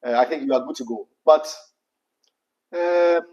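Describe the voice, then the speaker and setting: Higher-voiced Ghanaian man, slightly dull recording. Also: unhurried, a little mellow. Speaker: host answering viewer questions. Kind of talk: casual advice chat.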